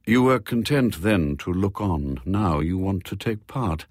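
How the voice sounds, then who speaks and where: A quiet, knowing gentleman, as a man voices him, low and softly husky, every word measured and calm. The reading is close and dry, with no room sound. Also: no echo.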